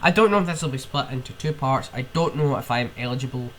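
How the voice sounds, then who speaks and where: A man's voice: mid-range voice, quick pace, fairly bright tone, slight background noise. A young man with a cold, hosting a podcast on his own and ranting in rambling, casual chat, with sniffs and swearing. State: ill with a cold. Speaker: podcast host.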